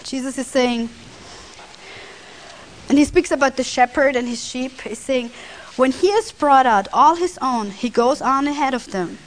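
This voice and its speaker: A woman preaching a sermon in a conversational way, sometimes dropping to a soft, hushed voice. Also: on the high side, a little hiss or hum, poor audio. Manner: conversational, drops to near whisper on quiet lines.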